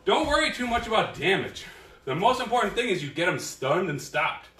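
This online karate instructor speaks fairly quickly in a high, sing-song voice with a bright, forceful tone. He counts out drills and jokes easily while explaining self-defense, his voice distant and echoing through the dojo training room.

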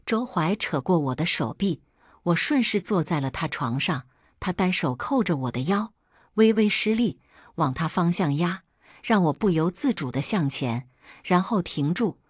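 Dry, low-voiced woman narrating a story. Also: normal speed, breathy edge, dry recording. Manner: steady storytelling, first person. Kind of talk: scripted web-novel narration.

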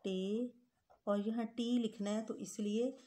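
A woman teacher walks young pupils through spelling and plurals. She talks slowly and patiently, spelling each word letter by letter. Her voice is soft and mellow. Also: mid-range voice, fairly even intonation. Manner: addresses pupils as children. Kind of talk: grade-school Urdu grammar lesson.

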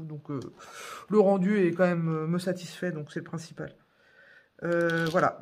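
Chatty woman with lots of fillers. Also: lowish voice. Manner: chatty, hesitant, many fillers. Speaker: coloring tutorial host. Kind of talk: casual voice-over tutorial.

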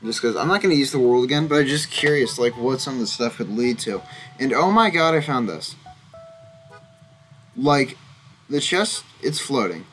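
A young man giving casual, rambling gameplay commentary, full of fillers and sudden excited outbursts. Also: mid-range voice, moderate pace. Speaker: gaming channel host. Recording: faint music behind.

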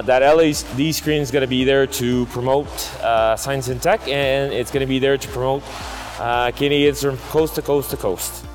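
A man in his thirties giving a walking tour of a construction site, halting with many fillers. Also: fairly high pitch. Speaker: museum facilities director giving a site tour. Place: large indoor construction site.

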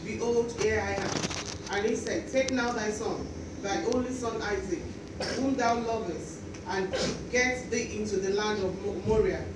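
A woman in a small church reading a Bible passage aloud in steady, old-style English. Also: mid-range voice. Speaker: scripture reader. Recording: echoey hall from far off, noisy.

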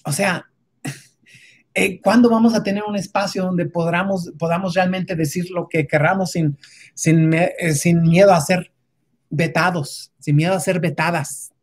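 A woman's voice: on the low side, steady tone, measured pace. A woman giving an emphatic, casual opinion monologue, often restarting and stopping to ask rhetorical questions. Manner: keeps adding rhetorical tag questions; emphatic, with many restarts and hesitations.

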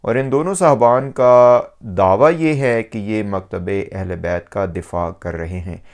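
A man giving a measured religious commentary, pausing often on fillers. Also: lowish voice, a little mellow. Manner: measured, with frequent hesitation fillers.

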